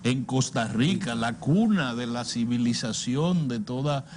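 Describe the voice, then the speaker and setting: A talk show political commentator, an older man from the Dominican Republic with a Caribbean Spanish accent, airs strong opinions at a measured pace, often repeating himself and asking rhetorical questions. His medium-pitched voice is a little mellow. A faint hiss or hum sits under the recording.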